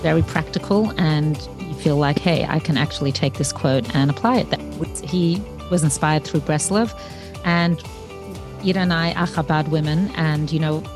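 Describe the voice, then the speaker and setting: A woman's voice: low voice, moderate pace, over music. A woman co-hosting a podcast, speaking enthusiastically and conversationally. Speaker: podcast co-host. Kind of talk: casual podcast talk.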